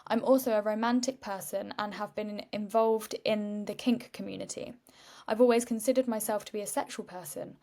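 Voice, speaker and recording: A woman's voice: mid-range voice, steady tone, moderate pace, warm tone. A woman hosting a podcast, chatty and rambling, tired, laughing often. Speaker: podcast host. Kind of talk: casual chat.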